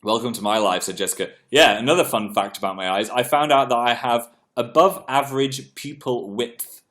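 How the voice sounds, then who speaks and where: A congested young man hosts a casual livestream, reading viewer comments aloud and clearing his throat now and then. He is chatty and self-deprecating. His voice is medium-pitched and fairly bright, at a moderate pace.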